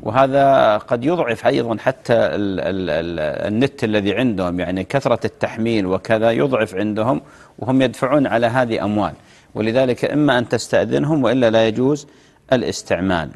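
A man, a television sheikh answering viewers' religious questions with measured explanations and chanted example phrases. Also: fairly low pitch, darkish tone, big-room sound.

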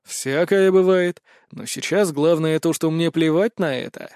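A man voicing a brazen young nobleman who talks in a slow, mocking, menacing drawl. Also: fairly high pitch, a little mellow, clean tone, no room sound, studio quality.

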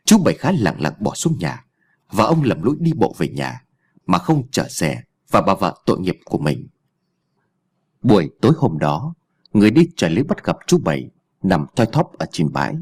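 A man narrating an audio story with a dramatic, animated reading. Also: sits low, normal speed, vocal fry, breathy edge.

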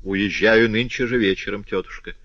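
A man's voice: lowish voice, fairly even intonation, normal speed, a bit bright, no room sound, dull audio, natural voice. A man voicing a glib, self-assured young lancer officer. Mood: breezy. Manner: jaunty, glib, worldly-wise.

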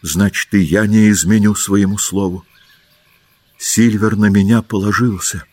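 A man narrating an audiobook in the first person, calm and unhurried. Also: lowish voice, breathy edge, dry recording.

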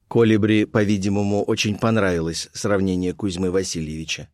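A man narrating a classic story in a measured, expressive storytelling manner. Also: low-pitched, no room sound, clean studio sound. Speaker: audiobook narrator.

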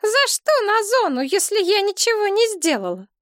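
A woman voicing a bratty, greedy bleached young woman in an audiobook, squeaky and capricious. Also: big pitch swings, moderate pace, fairly bright tone, no room sound, studio quality, heavily acted. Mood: defiant. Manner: shrill and capricious.

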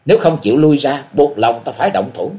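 A man's voice: medium pitch, lively intonation, fairly quick, dark tone, close to an everyday voice. A man voicing a stern young swordsman hero. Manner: cold, commanding. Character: young male martial-arts hero, stern and bold. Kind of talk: audiobook character voice.

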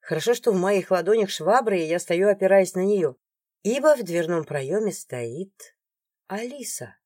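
A woman narrating a novel in the first person, emotional and expressive. Her pitch moves a lot through each line. The sound is close and dry with no room. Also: moderate pace, no echo. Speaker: audiobook narrator.

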